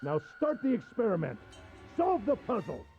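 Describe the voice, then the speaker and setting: Sneering sadistic game captor. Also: male voice, high-pitched, wildly swooping pitch, normal speed, warm tone, lo-fi sound, faint music behind, exaggerated voice. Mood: gloating. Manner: sneering, taunting, laughs cruelly. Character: sadistic male captor running a deadly game, cruel and mocking. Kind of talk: video game voice acting.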